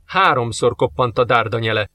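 A man narrating an audiobook with steady storytelling. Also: mid-range voice, no echo. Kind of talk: scripted narration.

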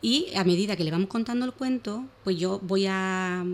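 A woman speech therapist talks on a radio morning show, explaining language exercises for children. She then reads a children's story aloud in an animated storytelling voice. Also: medium pitch, moderate pace. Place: radio studio.

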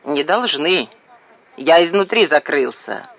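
A man voicing a terse, calm young soldier who speaks in short, dry replies. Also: slow, gravelly, no room sound, heavily acted. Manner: curt, dry, low-key. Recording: dull lo-fi audio.

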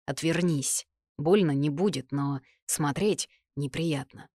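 Steady, protective man in an audiobook, quiet and low, voiced by a female reader, dry sound. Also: takes it slowly, no room sound. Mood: reassuring.

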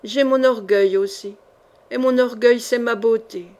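A woman's voice: a little high, steady tone, unhurried, darkish tone, natural voice. A woman voicing a haughty, scornful queen. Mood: proud. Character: proud scheming queen, woman, haughty and passionate.

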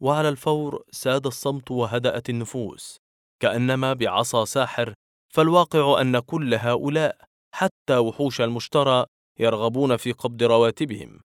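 A man reads a story aloud in an even, expressive narrating voice. His pitch sits in the middle range. The sound is close and dry, with no room around it. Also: brisk, clean tone, dry recording.

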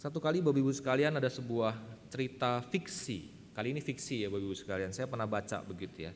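A man's voice: medium pitch, quick pace, long reverb tail, a little hiss or hum. A man preaching a sermon, emphatic and often addressing the congregation directly, telling a story. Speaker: pastor. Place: church hall.

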